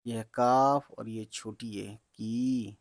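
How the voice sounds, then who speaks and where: A man teaching beginners to read Urdu, spelling words out letter by letter in a slow, patient way and talking to viewers as friends. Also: medium pitch, steady tone, vocal fry, no echo, studio quality.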